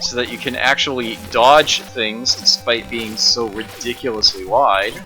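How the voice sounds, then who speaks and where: Slow, bright-voiced wry game streamer man. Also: mid-range voice, fairly even intonation, faint music behind. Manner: rambling, wry and self-deprecating. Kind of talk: casual live gameplay commentary.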